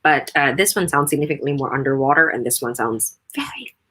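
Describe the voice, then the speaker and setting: A young woman with a low mezzo voice and crisp consonants casually reviews a microphone, chatting loosely with lots of fillers. She sounds animated, a little fast and a bit bright, recorded close up on a studio USB condenser mic in an untreated home room that isn't soundproof.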